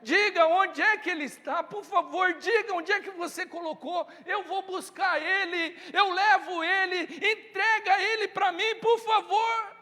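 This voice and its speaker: A distraught, pleading woman, begging urgently in a bright, strained, much higher voice, as a male preacher puts her on. The voice rings out with a long church-hall reverb. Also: fairly even intonation, measured pace, hardly any pauses, exaggerated voice.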